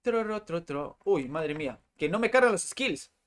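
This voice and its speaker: A man's voice: on the high side, lively intonation, moderate pace. A young male streamer talks over live gameplay. He is chatty and exclamatory, and he repeats his words as he reacts. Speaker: game streamer.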